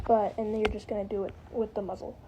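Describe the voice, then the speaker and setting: A woman's voice: medium pitch, level tone, fast talker, dull audio, noisy background. A woman giving a casual, rambling spoken tutorial, hedging with lots of "like" and "kind of". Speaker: tutorial maker.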